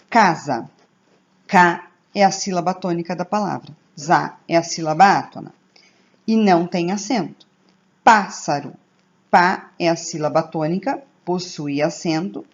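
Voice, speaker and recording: A woman's voice: fairly low pitch, darkish tone. Lo-fi Brazilian woman teaching grammar. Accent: Brazilian Portuguese. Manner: slow, careful teacherly explanations with checking "tá?". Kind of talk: recorded online grammar lesson.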